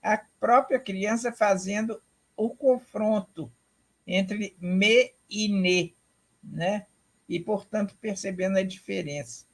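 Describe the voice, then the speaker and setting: A woman giving an academic lecture, explaining slowly and deliberately, repeating herself and checking in with her audience. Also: mid-range voice.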